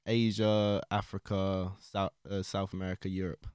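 A man's voice: sits low, flat delivery, normal speed, darkish tone, clean tone, no room sound, studio quality. A young man, a podcast co-host chatting casually, rambling and trailing off when unsure. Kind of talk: casual chat among friends.

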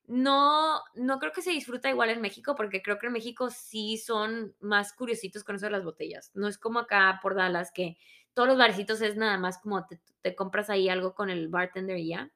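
A woman's voice: medium pitch, fairly quick. Chatty Mexican woman around thirty. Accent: Mexican Spanish. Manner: chatty, animated, self-mocking asides. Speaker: vlogger. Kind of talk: casual storytelling monologue.

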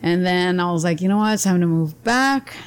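A woman in her forties, a school athletic director, recounting her background in a friendly, steady way. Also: on the low side, a little fast, smooth. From Southern California, raised partly in Spain. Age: 40s. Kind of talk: interview answers.

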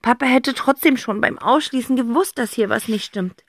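A woman's voice: a little high, moderate pace, dry recording, clean studio sound, pitched above the performer's own voice. Woman playing an eager, clever young boy. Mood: reasoning.

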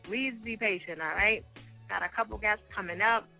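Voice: mid-range voice, normal speed, creaky, soft background music. An internet radio host talking loosely and profanely in slang, taking calls on a phone line. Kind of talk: casual call-in radio talk.

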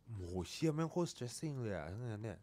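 A man in casual chat, excitable and crude, mixing in English phrases. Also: lowish voice, a little fast.

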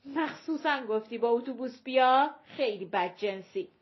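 A woman voicing a wry, teasing adult woman who talks in a lively, casual way. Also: a little high, slightly rough, highs cut off.

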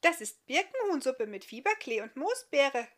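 A tiny, playful little girl from a storybook, speaking in a very high, squeaky voice, as a woman reading puts her on. She sounds cheeky and childlike. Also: very animated, normal speed.

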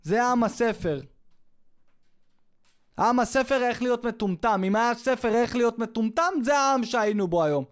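Guy with a really high clean voice ranting sarcastically on his podcast. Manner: sarcastic, scornful. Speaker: podcast host. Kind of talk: comedic rant.

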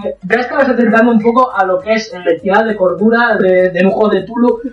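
A man's voice: high voice, brisk. Swearing man in mock outrage. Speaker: podcast co-host. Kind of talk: casual podcast chat. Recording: roomy, distant, dull, crowd behind.

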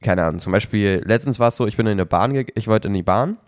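A man's voice: on the low side, quick pace. A young man co-hosting a podcast in casual chat, who hesitates and often restarts his sentences. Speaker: podcast co-host.

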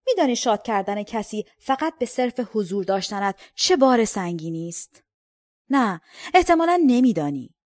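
A woman's voice: medium pitch, no echo. A woman reading a novel aloud in first person, with a dry, sardonic storytelling manner into a close mic. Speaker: audiobook reader.

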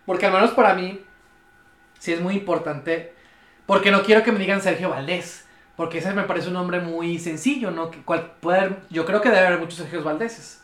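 A man, chatting as a podcast co-host in an animated, rambling way with frequent restarts. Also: high-pitched, moderate pace. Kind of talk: casual chat. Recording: echoey room.

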